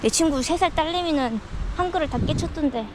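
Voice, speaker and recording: A woman with a high voice keeps up a chatty running monologue with the dog she is walking. She is recorded on a camera mic outdoors, with steady traffic and wind noise in the background. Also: brisk. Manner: chatty, talks to the dog, mock-scared squeals. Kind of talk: casual self-talk monologue. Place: outdoors on a rural seaside road.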